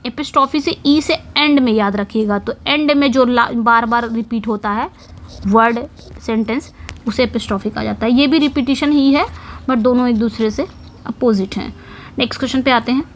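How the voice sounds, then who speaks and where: A high-pitched woman with an Indian English accent runs an exam-prep lesson. She reads each question slowly in English, then explains it again in Hindi and repeats the key terms. A faint hiss of noise sits behind her. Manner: writes on a board while teaching. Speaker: English literature teacher.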